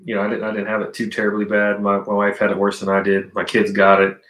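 A man's voice: lowish voice, completely flat delivery, fast, a bit bright. A man chatting casually as a podcast guest, with laid-back, slangy phrasing, recorded in an echoey room. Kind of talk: casual chat.

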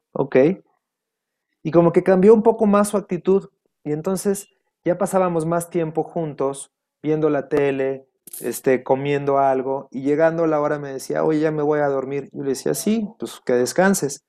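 A man's voice: on the high side, creaky, a little mellow. A man telling a heartfelt personal story in an interview, reflective and quoting past conversations. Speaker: guest.

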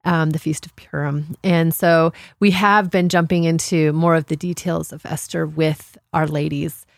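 Woman, low pitch, podcast guest, conversational explaining, thoughtful and halting, dry sound. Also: steady tone, creaky, no echo. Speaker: podcast guest, women's Bible study teacher.

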